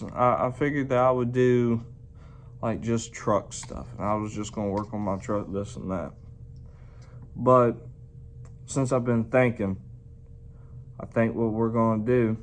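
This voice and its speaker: A man's voice: medium pitch, a little hiss or hum. Southern country guy vlogging, talkin with a fat lip full of dip, folksy and rambly. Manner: folksy, drawn-out country phrasing. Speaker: video channel host reviewing dipping tobacco. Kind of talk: casual rambling vlog chat.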